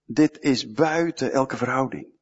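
A man's voice: mid-range voice, measured pace, breathy edge. A man voicing a stern, demanding king in a retold parable, in a dull, echoey recording. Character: stern, demanding old-time king, male. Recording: echoey hall, dull sound.

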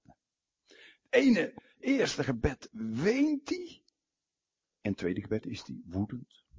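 A male preacher giving a sermon, telling stories with animated delivery and dramatic pauses, in a dull lo-fi recording. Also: lowish voice, slightly rough.

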